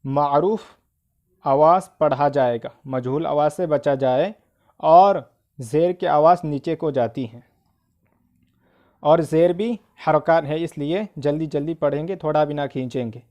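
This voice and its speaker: A man teaching Quran reading, with an Indian accent. He spells out letters and vowel marks in slow drills and speeds up when he explains a rule. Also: on the high side, darkish tone.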